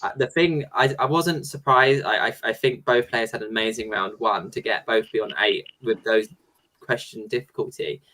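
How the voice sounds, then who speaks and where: A man co-hosting a casual panel podcast, talking excitedly in quick bursts with frequent restarts. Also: medium pitch, poor audio. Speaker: podcast co-host.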